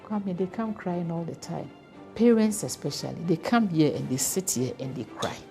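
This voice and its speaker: A woman's voice: lowish voice, lively intonation, moderate pace, warm tone, soft background music. A Ghanaian woman, a foundation official, speaking in an interview with open emotion. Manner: emotional, addresses interviewer by name.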